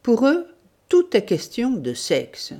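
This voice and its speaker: A woman's voice: fairly low pitch, animated, slow pace, a little mellow. A woman reading the part of a sarcastic, condescending Russian man in a storybook. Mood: scornful. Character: mocking, scornful Russian man.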